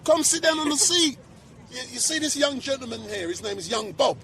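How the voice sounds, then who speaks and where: Brief: excitable male street-stream host, very high voice, keeps repeating himself, noisy crowd around him in an outdoor park. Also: fairly quick. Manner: excitable, repeats words, calls people in. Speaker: livestream host. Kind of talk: rowdy street livestream. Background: crowd chatter.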